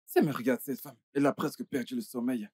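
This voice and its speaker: An actor playing a resigned older brother in a dubbed film, with a soft, husky voice. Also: male voice, medium pitch, steady tone, fast, no room sound, close to an everyday voice.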